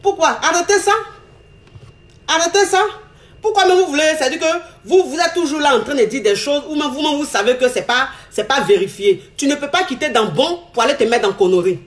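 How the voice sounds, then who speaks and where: A woman delivers a lecturing monologue aimed at other women. She scolds and repeats her points, pressing each one with rhetorical questions. Her voice sits a little high. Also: animated, quick pace, hardly any pauses.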